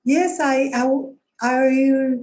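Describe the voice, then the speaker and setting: A woman from Rico, a guest in a conversation on a video call, speaking thoughtfully and hesitantly with soft laughs. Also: sits high, steady tone, drawn-out words, slight background noise, low-quality recording. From Puerto Rico. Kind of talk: conversational interview.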